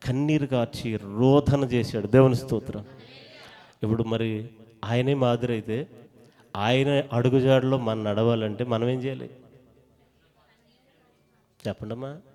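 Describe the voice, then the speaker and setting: A man preaching a sermon in a church hall. He quizzes his listeners and coaxes answers out of them. He swings between loud calls of praise and soft talk. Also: mid-range voice, steady tone, unhurried, long pauses. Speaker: lay preacher. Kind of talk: sermon to a congregation.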